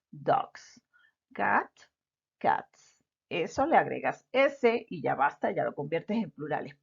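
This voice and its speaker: A woman's voice: on the low side, creaky, slightly rough. A woman teaching an English lesson patiently, repeating example words and checking in with "all right?". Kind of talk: slow explanatory lesson. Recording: dull lo-fi recording.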